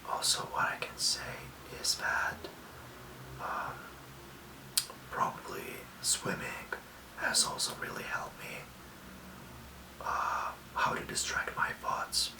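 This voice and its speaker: A young man from Lithuania, giving soft, reassuring self-care tips in a whispered ASMR talk. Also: reverberant, far from the mic, low-quality recording. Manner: soft, slow and gently reassuring. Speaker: ASMR host.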